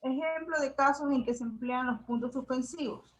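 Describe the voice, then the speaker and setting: A woman reading a class presentation on punctuation, slowly and carefully going through examples. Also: high-pitched. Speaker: student presenter. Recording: dull lo-fi audio.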